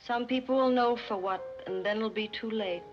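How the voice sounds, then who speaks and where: Young woman doing a tragic sulking heiress, theatrical, slightly high voice, old film sound, music behind. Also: normal speed, muffled recording, close to an everyday voice. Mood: mopey. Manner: mopey, theatrical, tragic sighing. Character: melodramatic lovesick young heiress. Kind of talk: 1930s screwball film acting.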